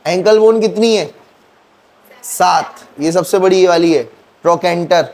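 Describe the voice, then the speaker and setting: Man, teacher, high pitch, mellow tone, classroom quizzing. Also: measured pace. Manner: quizzing students, counting bones aloud. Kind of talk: classroom lecture with call-and-response questions.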